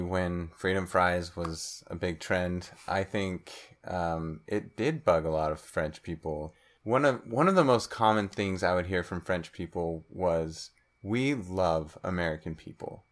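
A man with a very deep, low-pitched voice chats as a guest on a podcast. He thinks out loud, filling pauses with "um" and circling back on his own sentences. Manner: thoughtful, with frequent fillers and restarts; speaks some French. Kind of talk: casual interview chat.

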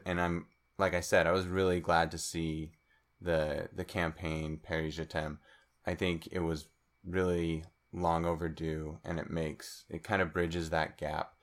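Very deep-voiced man, relaxed guest. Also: slow pace. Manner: thoughtful, with frequent fillers and restarts; speaks some French. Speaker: podcast guest. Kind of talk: casual interview chat.

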